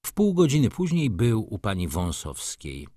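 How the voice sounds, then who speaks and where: A man reads a classic novel aloud for an audiobook, measured and expressive. His voice sits on the low side, and the studio-quality recording is dry.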